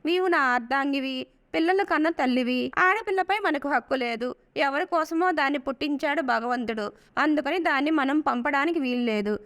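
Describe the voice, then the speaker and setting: A woman's voice: high voice, normal speed, fairly bright tone. A woman voicing a poor brahmin father who speaks earnestly and sorrowfully. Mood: grieving. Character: poor older brahmin man, grieving father.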